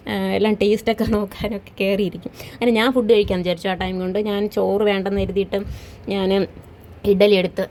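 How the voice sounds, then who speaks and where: A woman's voice: medium pitch, darkish tone, a little hiss or hum. A woman, chatting casually in a home family vlog as a mother, tagging her sentences with a friendly "kettō". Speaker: vlogger, mother.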